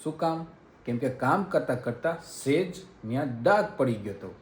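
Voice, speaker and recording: A man's voice: fairly high pitch, lively intonation, moderate pace. A young man with a Saurashtra Gujarati accent vlogging casually, playful and teasing. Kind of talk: casual family vlog.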